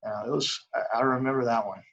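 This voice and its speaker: A young man in a casual interview as an umpire, talking in a rambling, halting way full of filler phrases. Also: mid-range voice, steady tone, gravelly, fairly bright tone, highs cut off. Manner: rambling, halting, frequent "you know". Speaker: baseball umpire as interview guest. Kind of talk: casual chat.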